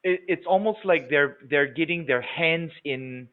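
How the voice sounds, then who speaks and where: A man's voice: on the high side, unhurried. Male co-host, hesitant questioner, clipped phone-line sound. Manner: hesitant, restarts his phrasing. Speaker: co-host interviewer. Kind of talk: remote interview questioning. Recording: narrow phone-line audio.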